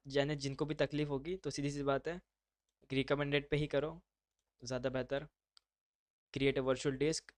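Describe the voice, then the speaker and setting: A man's voice: medium pitch, dry recording. A man teaching a live online class, talking casually and mixing in English terms. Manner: casual, brotherly, mixes English terms into speech.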